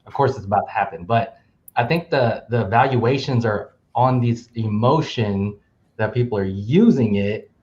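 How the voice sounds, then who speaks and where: A man's voice: lowish voice, moderate pace, darkish tone. Laid-back man with a muffled sound. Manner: laughs often, uses filler "like". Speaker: podcast co-host. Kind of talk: casual panel talk.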